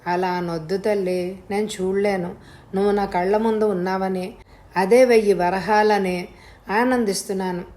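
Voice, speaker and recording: Here is a tender, doting old father with silver hair, as a woman narrator puts him on. He speaks gently and with affection, pleading softly, in a storybook reading. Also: mid-range voice, fairly even intonation, moderate pace, close to an everyday voice.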